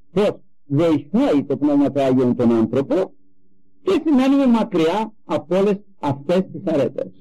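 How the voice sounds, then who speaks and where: Older male preacher, high-pitched and mellow, emphatic anecdotal sermon delivery. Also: poor audio. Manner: animated, emphatic storytelling. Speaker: religious speaker.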